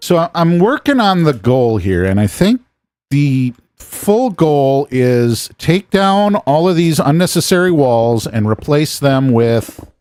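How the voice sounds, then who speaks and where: A man's voice: fairly high pitch, big pitch swings, takes it slowly, darkish tone. An American man chatting casually while streaming a game, rambling and musing aloud as he plays. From United States. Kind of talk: casual gameplay chat with chat.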